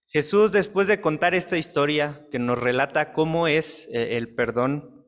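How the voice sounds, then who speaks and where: A man's voice: a little high, fairly bright tone. Mexican man preaching in an echoey hall. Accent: Mexican Spanish. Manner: reads scripture then explains it plainly, with many fillers. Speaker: pastor. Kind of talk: sermon. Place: church.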